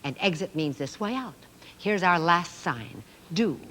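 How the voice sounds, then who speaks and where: A woman leads a children's phonics lesson, sounding out letters in a very slow, carefully enunciated voice. Her pitch swings up and down with lively, sing-song expression. The old 1960s television sound carries a long, trailing reverb. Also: slight background noise. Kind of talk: slow, clear teaching to children.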